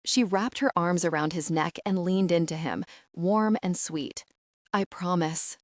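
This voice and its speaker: A woman narrating a romance audiobook in a measured, sensual way, close to the mic. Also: on the low side, a little mellow, no echo.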